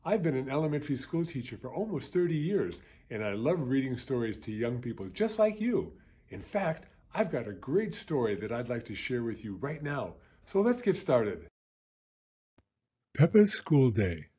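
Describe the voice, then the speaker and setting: An older man, an elementary school teacher acting as storyteller, reads a children's story aloud. His mid-range voice has a breathy edge, and his phrasing is expressive and deliberate for young listeners.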